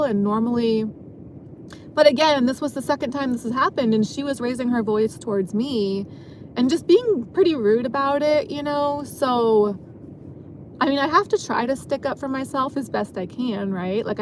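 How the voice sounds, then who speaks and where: A woman's voice: a little high, normal speed, a little hiss or hum, low-quality recording. A woman who works as an exotic dancer, telling a story from her job in a rambling, casual way, full of filler words. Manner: rambling, many filler likes.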